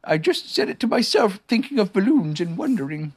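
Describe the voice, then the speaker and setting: A performer voicing Winnie the Pooh as an earnest, silly little bear from a children's storybook, musing and halting. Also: mid-range voice, very animated, slightly rough, voice pushed up. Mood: hopeful.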